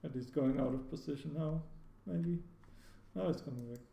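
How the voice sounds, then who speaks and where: A man's voice: a little high, normal speed, creaky, warm tone. Echoey-sounding man giving casual game commentary. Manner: hedging, filler-heavy analysis with frequent "like" and restarts. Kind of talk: casual live esports commentary. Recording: echoey room, faint background noise.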